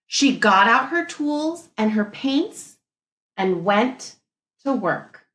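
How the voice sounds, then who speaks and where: A female teacher reads a picture book to young children with expression and care, stopping now and then to muse and think aloud. Her pitch is fairly high, and the sound is roomy.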